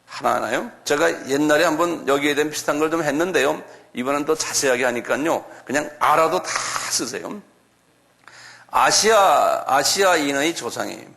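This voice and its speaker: A middle-aged man teaching a slow, step-by-step classroom Bible lecture, often asking the class to repeat words aloud. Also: a little high, animated, vocal fry, fairly bright tone. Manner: chuckles, talks directly to students.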